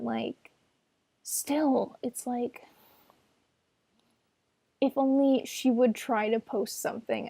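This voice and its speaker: A woman's voice: fairly high pitch, gravelly, mellow, breathy edge. A young woman in her twenties telling a personal story on her vlog, casual and sarcastic, defending herself with lots of filler words.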